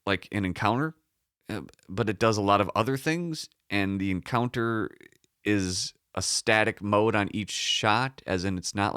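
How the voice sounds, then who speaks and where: A man's voice: fairly low pitch, a bit bright, clean tone, no echo, studio quality. A man with a slightly froggy morning voice hosting a podcast alone, talking casually in a rambling, emphatic, self-correcting and sweary way. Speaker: podcast host. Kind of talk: casual solo podcast talk.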